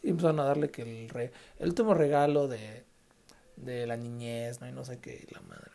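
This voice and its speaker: A man's voice: medium pitch, moderate pace, creaky, background noise. A young man with a Mexican accent, hosting a podcast and telling stories in a loose, slangy way, acting out the people he quotes. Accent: Mexican Spanish. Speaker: podcast host. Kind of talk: casual storytelling.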